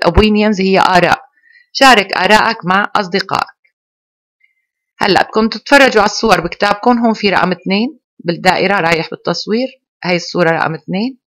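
A teacher giving an online English lesson to pupils, slowly spelling out English phrases. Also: medium pitch, fairly bright tone, no echo.

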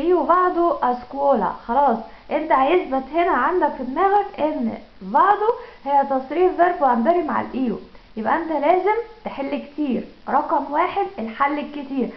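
A woman with an Egyptian Arabic accent teaches Italian in a casual, direct way, asking questions and answering them herself. Her voice is high with a gravelly edge. She is recorded in an echoey room with a dull, lo-fi sound. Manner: direct, explains with examples and rhetorical questions. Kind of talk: casual spoken lesson.

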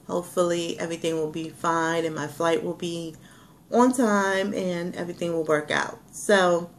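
A woman, chatting casually as a vlog host. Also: fairly low pitch. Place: indoors, plain small room at home. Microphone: webcam microphone at arm's length.

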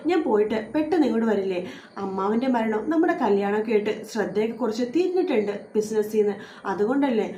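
A woman voicing a scheming, smooth-talking married man who soothes his wife. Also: a little high, lively intonation, fast, warm tone, lo-fi sound, close to an everyday voice. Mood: coaxing. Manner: soothing, coaxing. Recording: echoey room with faint noise.

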